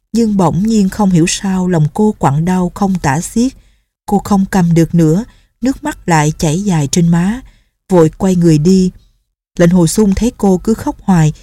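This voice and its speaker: A woman narrating a martial arts novel in a steady, measured storytelling manner. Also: on the low side, no echo. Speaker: audiobook narrator. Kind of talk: scripted narration.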